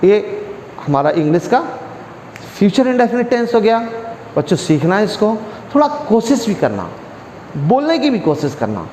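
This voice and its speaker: High-voiced man teaching in an echoey room. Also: very animated, darkish tone, slight background noise. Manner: explains slowly, repeats words, asks the class questions. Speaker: English teacher. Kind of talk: classroom grammar lesson. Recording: echoey room with a long reverb.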